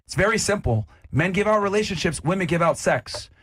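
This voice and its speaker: A man's voice: sits high, animated, brisk, fairly bright tone, a little hiss or hum. A man hosting a heated panel debate, speaking bluntly and assertively in a lecturing manner. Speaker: podcast panel host.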